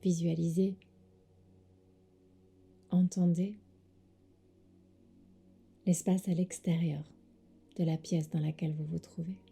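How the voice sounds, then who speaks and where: Speaking in a fairly low, level tone, this woman's voice is soft and breathy. She's a yoga teacher leading a guided sleep meditation, offering calm, gentle directions with pauses in between.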